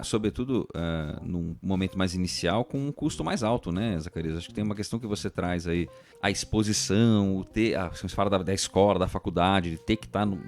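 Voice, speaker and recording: Brazilian host guy, low voice, says né after everything. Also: a little mellow. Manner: reflective, summarizing, constant tag questions. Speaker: podcast host. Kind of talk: casual interview conversation.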